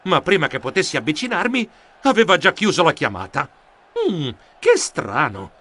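A man narrating a children's storybook in a lively, expressive manner. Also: on the high side, normal speed. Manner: expressive, animated. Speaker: audiobook narrator.

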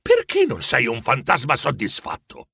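A man voicing a frightened old miser who tries to act calm, speaking in a nervous, shaky way for a storybook reading. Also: medium pitch, moderate pace, gravelly, breathy edge, no room sound, clean studio sound, heavily acted.

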